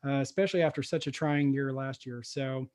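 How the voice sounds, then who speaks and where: A man hosting an investor meetup, listing his goals and introducing the guest in an upbeat way, with frequent pauses. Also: mid-range voice, fairly even intonation, a little mellow. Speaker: meetup host.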